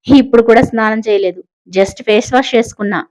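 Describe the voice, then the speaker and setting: A woman's voice: fairly high pitch, fast, darkish tone, lightly acted. A woman voicing a playful, sarcastic teenage girl in an audiobook story. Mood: cheeky. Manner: sarcastic, casual.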